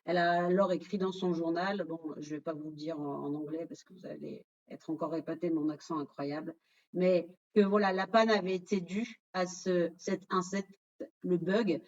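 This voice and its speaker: French woman hosting a lively webinar quiz. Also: lowish voice, moderate pace, lo-fi sound. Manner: lively, addresses the audience directly, asks and answers quiz questions. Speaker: webinar presenter running a quiz. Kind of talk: interactive online quiz presentation.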